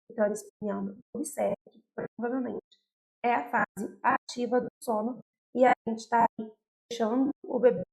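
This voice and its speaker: A young Brazilian woman pediatrician with a Brazilian Portuguese accent gives an educational talk to parents about baby care. Her voice is on the high side, gravelly and darkish, the recording rough, and she explains directly, often checking in with "tá?" and "né?".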